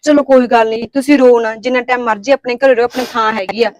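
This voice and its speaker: A young woman plays a kind, devout daughter-in-law who stands her ground with quick, earnest talk. Her voice is high and rapid. The sound is close and dry. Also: steady tone, no echo, close to an everyday voice. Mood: soothing. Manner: quick, earnest, talks back when pushed. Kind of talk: amateur short-film acting.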